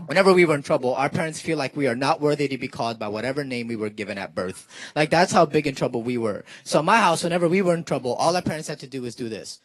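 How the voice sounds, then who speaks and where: A stand-up comedian and spoken word performer from the Philippines, who grew up in California, chats and laughs with a live audience in a playful routine. The young man has a high voice, and there is no room sound.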